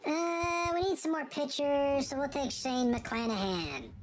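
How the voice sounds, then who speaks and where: A man's voice: very high voice, measured pace, a little hiss or hum, voice pushed up. A man streaming a baseball game while putting on a baby voice for fun. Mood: babyish. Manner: put-on baby talk for fun. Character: high babyish voice of a grown man. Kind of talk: casual game commentary.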